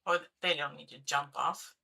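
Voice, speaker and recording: A woman's voice: sits low, steady tone, moderate pace, gravelly, pushed and bright. A young woman live-streaming a city-building game, chatting to her viewers as she builds, with a voice that keeps cracking. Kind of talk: casual live-stream chat while playing.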